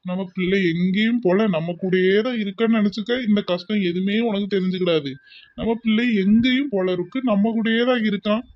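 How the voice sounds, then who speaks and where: Give me a man playing a grieving old husband, pleading and scolding gently. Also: high-pitched, fairly quick, no echo, lightly acted. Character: grieving elderly husband comforting his wife. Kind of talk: cartoon voice acting. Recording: dull lo-fi dry recording.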